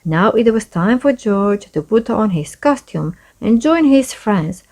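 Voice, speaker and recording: A woman with a mid-range voice reads a children's story aloud, narrating in a measured, expressive storytelling manner.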